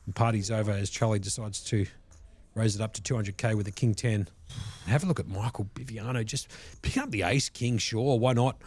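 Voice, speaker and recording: A man's voice: lowish voice, brisk, darkish tone, slightly rough. A man doing live play-by-play poker commentary in colloquial, slangy language. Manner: colloquial, slangy turns of phrase.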